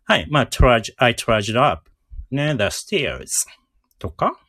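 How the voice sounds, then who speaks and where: A man hosting a casual live radio lesson, chatty and encouraging, who repeats each word slowly for listeners to drill. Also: medium pitch, big pitch swings, pushed and bright, dry recording, clean studio sound. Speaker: radio host teaching English words.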